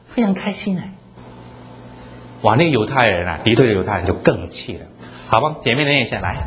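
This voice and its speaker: A man preaching a sermon, animated, asking the room rhetorical questions and quoting scripture in dramatic voices. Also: fairly low pitch, fast. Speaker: pastor.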